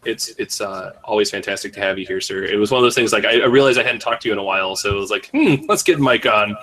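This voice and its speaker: A man's voice: on the low side, fairly even intonation, racing, bright, forceful tone. A man hosting a podcast in casual chat, joking, rambling and poking fun at himself. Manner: joking, rambling, self-mocking. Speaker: podcast host.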